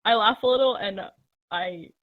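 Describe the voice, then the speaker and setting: A woman's voice: medium pitch, moderate pace, narrow, tinny audio. A woman playing in a tabletop game, chatting casually and often giggling. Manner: giggly, playful. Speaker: player. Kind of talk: casual tabletop role-play.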